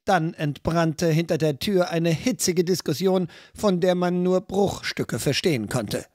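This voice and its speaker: Guy reading a fantasy audiobook, slightly high voice, very dry sound. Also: darkish tone, dry recording. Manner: measured storytelling. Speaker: narrator. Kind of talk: audiobook narration.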